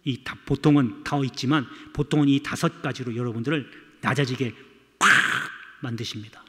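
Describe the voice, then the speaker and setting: A man's voice: mid-range voice, moderate pace, in a large hall, heavy background noise. A male pastor preaching a sermon in a church, speaking emphatically and repeatedly addressing the congregation. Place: church sanctuary.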